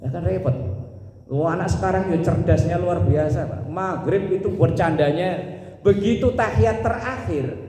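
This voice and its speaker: Joking preacher in echoey mosque. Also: male voice, high-pitched. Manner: jokey storytelling with sudden loud bursts and mimicked voices. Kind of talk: humorous mosque sermon. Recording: echoey mosque hall with long reverb.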